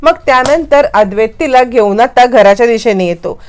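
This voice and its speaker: A woman narrating a recap of a TV serial in a lively, dramatic storytelling manner. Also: on the high side, moderate pace, slight background noise.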